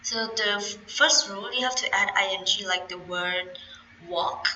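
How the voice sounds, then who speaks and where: A woman's voice: mid-range voice, moderate pace, pushed and bright, slight background noise, rough recording. A young woman with a Khmer accent teaching an English grammar lesson, patiently spelling out letters and explaining rules step by step. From Cambodia.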